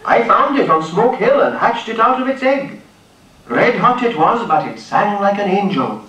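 A man voicing a gentle, dreamy male railway engine driver in an animated film, mild and earnest with stammering starts. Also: high voice, moderate pace, lo-fi sound, heavily acted. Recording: echoey, distant hall playback with hiss.

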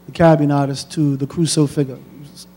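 A man's voice: on the high side, little pitch movement, fairly quick, dark tone, slightly rough. A man interviewing a guest on stage, asking polite, somewhat hesitant questions. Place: lecture hall.

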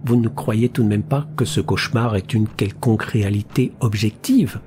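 A man reading an audiobook, voicing a gruff, impatient middle-aged psychoanalyst who talks in a curt, irritable way. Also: on the low side, normal speed, darkish tone, slight background noise, close to an everyday voice.

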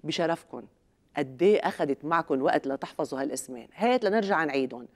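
Low-voiced Lebanese woman in a sarcastic comedy rant. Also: animated, fast talker. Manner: sarcastic escalating comedy rant with mock outrage. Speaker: satirical TV show host. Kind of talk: scripted satirical comedy monologue. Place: TV studio.

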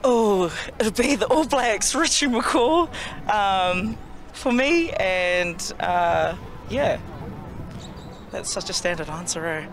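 A woman's voice: mid-range voice, lively intonation, slow pace, slight background noise. A young woman rugby player from Samoa, chatting cheerfully in an outdoor interview at a rugby field with a handheld mic. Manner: cheerful, laughs easily. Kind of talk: casual interview. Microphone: handheld reporter mic.

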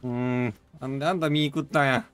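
A man's voice: mid-range voice, fairly even intonation, fast talker, fairly bright tone, smooth, no echo. A man chatting casually while playing a game, joking around in an exaggerated put-on Kyoto-style dialect. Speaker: gamer.

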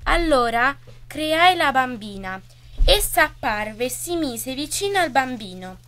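High-voiced woman reading slowly. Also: lively intonation, fairly bright tone. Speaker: reader on a radio poetry program. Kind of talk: storybook reading.

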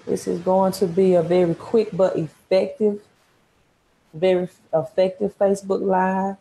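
A woman's voice: medium pitch, flat delivery, measured pace, gravelly, mellow, poor audio. A woman in her thirties with a Southern Mississippi accent, coaching informally on a live stream, repeating words for emphasis and often checking in with "right?". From Mississippi, United States. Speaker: credit repair coach. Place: small room at home, indoors.

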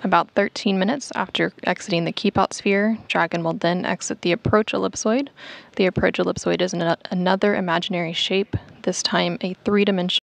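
A woman's voice: fairly low pitch, fairly even intonation, a little fast, vocal fry, no echo. A woman giving scripted, technical commentary on a spacecraft's departure.

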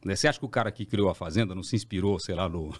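A man's voice: deep voice, very fast. A middle-aged Brazilian man with a Brazilian Portuguese accent, a TV presenter telling anecdotes as a guest in a casual podcast chat. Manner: animated anecdotal storytelling, acts out voices of others.

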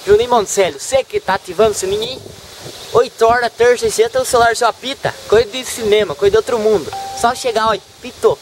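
Young man, Brazilian caipira accent, high voice, folksy slang, casual comic vlog style, faint background noise outdoors. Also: fast talker, low-quality recording. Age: young adult. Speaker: comedy channel host. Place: outdoors in the countryside.

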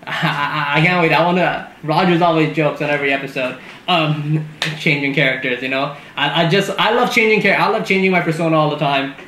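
A man's voice: fairly high pitch, fairly even intonation, fairly quick, sharp tone, roomy sound, slight background noise, low-quality recording. A man hosting a reaction video, rambling casually with restarts and bursts of laughter. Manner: rambling, restarts often, laughs between thoughts.

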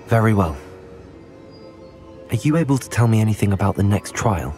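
A man acts a young male wizard student in a fantasy game. He has a lowish voice and a polite, composed, earnest manner. Music plays faintly underneath. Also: expressive, moderate pace, a little mellow, lightly acted. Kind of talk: video game cutscene acting.

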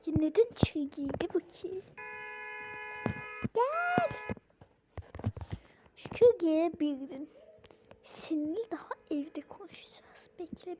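A fed-up, scolding mother, played by a woman in a game role-play, her voice very high and sharp-edged. She huffs and sighs, and her talk is full of complaints and pleas to God. A faint hiss sits underneath. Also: moderate pace, hardly any pauses. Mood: exasperated. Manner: scolding, sighing, exclaiming to God. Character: scolding exasperated mother of a troublesome daughter.

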